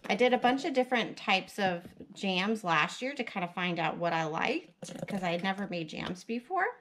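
A woman with a mid-range, slightly bright voice talks at a moderate pace in an animated way, chatting casually through a home cooking project in her kitchen. She's a home cook and homesteading vlogger, practical and thinking aloud as she works. Her camera sits above the stove and counter, and the audio is poor with a little hiss or hum.

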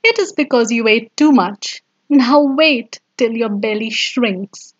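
A woman gives voice to a wise, calm rabbit in a storybook, offering gentle advice in a fairly high voice. The tone is slightly husky and the recording is dull. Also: slow pace, dry recording. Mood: kind. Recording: dull lo-fi sound.

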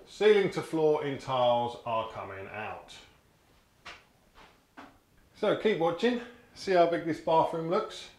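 A middle-aged man chatting casually as he works, talking through a DIY job in a small tiled bathroom. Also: mid-range voice. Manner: chatty, practical, thinks aloud with fillers. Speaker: DIY vlogger. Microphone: action camera. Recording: echoey tiled room, faint noise.

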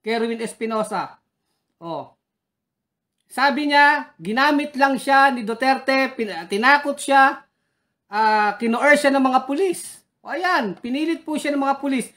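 A woman speaks in a slightly higher voice as a political commentator. She taunts and challenges her critics head-on, firing off questions one after another in a combative, heckling way. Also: a little slow, a bit bright. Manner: taunting, heckles critics and reads their names.

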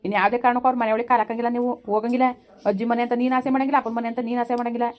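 A woman playing a gruff middle-aged village father who scolds and threatens his family in a comic skit. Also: on the high side, flat delivery, very fast, darkish tone, pitched below the performer's own voice, natural voice. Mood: scolding.

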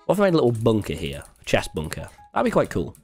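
A man livestreaming a game, chatting to his viewers in an animated, sweary, exclaiming way with music behind him. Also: on the low side, fast talker, husky. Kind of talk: excitable game stream chatter, talking to chat. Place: indoors at a computer.

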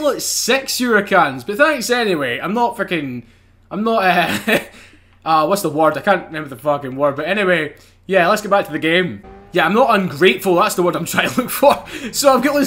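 A British man hosts a casual let's-play of a racing game for his gaming channel, getting excitable and quick to swear or laugh. His voice sits high for a man and swings widely in pitch.

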